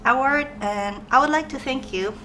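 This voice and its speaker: A woman's voice: sits high, normal speed, slight background noise, poor audio. A young woman interviewing a guest, asking polite questions for an oral history project in a conference room. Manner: polite, with soft laughs.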